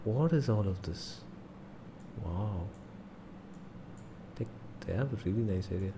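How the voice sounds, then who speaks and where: With a lowish, expressive voice at a slightly slow pace, this young Indian-accented streamer plays a geography guessing game, giving casual live commentary full of exclamations as he thinks aloud. Background noise is noticeable.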